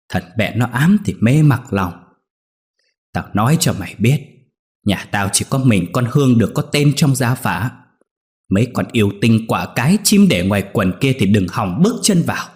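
A man voicing a sharp-tongued old village mother-in-law who scolds and curses bossily in a storytelling. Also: lowish voice, close to an everyday voice. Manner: scolding, cursing, bossy.

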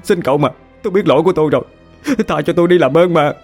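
A man's voice: a little high, racing, a little mellow, faint music behind, voice pushed up. A man voicing a cowardly, panicked man who stammers as he begs for his life. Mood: pleading. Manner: stammering, pleading.

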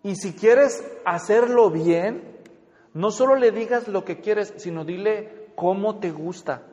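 Male speaker, high, animated seminar voice, dull lo-fi sound, long hall reverb. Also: slow pace. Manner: animated, jokey, acts out spouses' lines. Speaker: marriage counselor and speaker. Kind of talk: lively seminar talk with acted quotes.

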